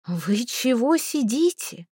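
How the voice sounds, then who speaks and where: A woman voicing a sharp-tongued, weary healer who scolds and gives orders in a raised voice. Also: fairly high pitch, big pitch swings, takes it slowly, slightly rough, dry recording, clean studio sound, pitched above the performer's own voice, exaggerated voice. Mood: scolding.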